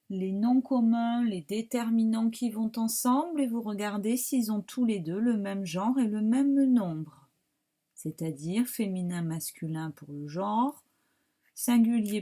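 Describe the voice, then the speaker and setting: A woman teacher with a French accent giving a slow, careful dictation lesson to young pupils, spelling words out. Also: medium pitch, mellow. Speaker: primary school teacher.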